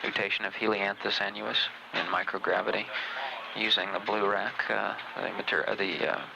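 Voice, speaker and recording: A man giving factual, explanatory mission commentary over radio, measured and halting as he goes. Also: lowish voice, flat delivery, creaky. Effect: radio relay. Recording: noisy archival space mission radio audio.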